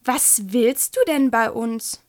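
A woman voicing a curious schoolboy in a read-aloud storybook, asking slow, wondering questions. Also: a little high.

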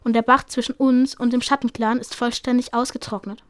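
A woman's voice: a little high, level tone, a little fast, no echo, lightly acted. A woman reading as a worried warrior she-cat. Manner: read aloud, troubled.

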